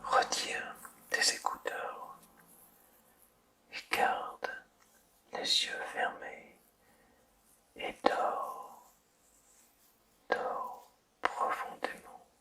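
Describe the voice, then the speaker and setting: A person whispering quietly, as if at night, in a slow, soothing, deliberate ASMR style, guiding a listener toward sleep with long pauses. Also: distant mic, rough recording.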